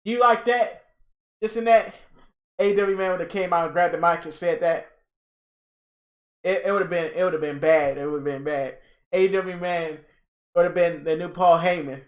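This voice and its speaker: Excitable high-voiced young man streaming. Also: moderate pace. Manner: excitable, rambling, repeats himself, talks to chat. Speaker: livestream host. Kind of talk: casual live reaction chat.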